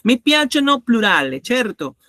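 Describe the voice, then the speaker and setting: Slow, bright-voiced male teacher. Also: very high-pitched, very animated, dry recording, clean studio sound. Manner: patient, repeats each example and checks with "bene?". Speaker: language teacher. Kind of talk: online grammar lesson.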